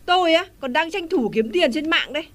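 A woman's voice: extremely high pitch, animated, fairly quick, a bit bright. A woman playing a busy, dismissive middle-aged wife and mother who keeps complaining. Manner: complaining, exclaiming.

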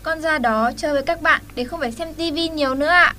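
Woman playing a bright, eager little school child. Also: high voice, fast talker, slight background noise. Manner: polite and eager. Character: polite young school child.

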